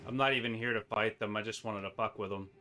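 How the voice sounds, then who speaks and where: A man's voice: fairly low pitch, fairly even intonation, fast talker, bright, forceful tone. A man giving rambling, joking commentary to himself while playing a game. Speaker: gameplay streamer. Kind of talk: casual gameplay commentary.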